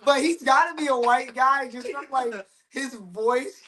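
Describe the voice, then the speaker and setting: A man's voice: very high voice, measured pace, crowd noise. A man in a casual interview, joking, swearing and laughing often as a band guest. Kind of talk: casual chat.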